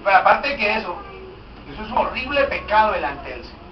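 A man's voice: sits high, brisk, dull audio, background noise. A man preaching a humorous sermon, joking and asking the congregation questions. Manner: jokey, animated, asks the congregation questions. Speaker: pastor. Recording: echoey hall, mic at a distance.

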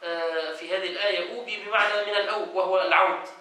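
A man's voice: high voice, steady tone, very fast, pushed and bright, far from the mic. A man, a sheikh, teaching a class on Quran commentary, reading passages aloud, explaining them and questioning his students. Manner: reads a passage, then explains it and quizzes students. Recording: echoey room, voice from off-mic, faint noise.

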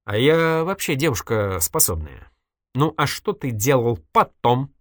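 A reader voicing a sharp-tongued, stubborn young woman in an audiobook, reproachful and needling, with a dry close sound. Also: a bass voice, sing-song, unhurried, no room sound, pitched above the performer's own voice, full character voice. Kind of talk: audiobook character voice.

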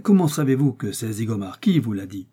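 A man voicing an excitable, impatient American male detective who fires off insistent questions in an audiobook. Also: mid-range voice, brisk, slightly rough. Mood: pressing. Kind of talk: audiobook character voice.

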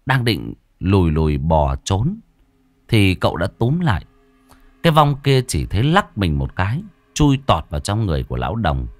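Deep-voiced man telling a ghost story. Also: normal speed, soft background music. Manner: expressive, dramatic reading.

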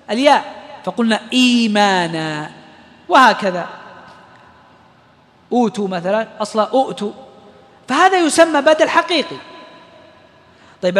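A man's voice: extremely high pitch, fairly bright tone, in a large hall. A man teaching a class on Quran recitation rules, explaining step by step and quizzing his students. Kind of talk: classroom lesson on tajweed.

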